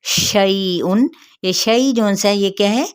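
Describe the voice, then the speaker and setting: A woman teaching a Quran recitation lesson, explaining each rule step by step, checking that listeners follow and slowly chanting the verses. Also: medium pitch, fairly even intonation, smooth. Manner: slow drawn-out chanting of verses. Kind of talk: tajweed lesson.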